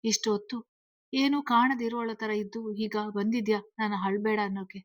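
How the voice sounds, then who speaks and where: A woman's voice: mid-range voice, level tone, moderate pace, dry recording, clean studio sound, lightly acted. A woman voicing a hurt middle-aged mother who scolds her daughter in a grieving, reproachful way.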